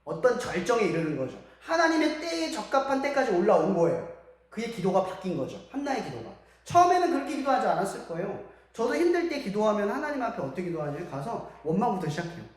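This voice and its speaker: A man's voice: sits high, fast. A man preaching to students as a youth pastor, often asking the audience questions and acting out quotes. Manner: lively, asks the audience many questions and acts out quotes. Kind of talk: sermon to students. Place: church worship hall. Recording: echoey church hall.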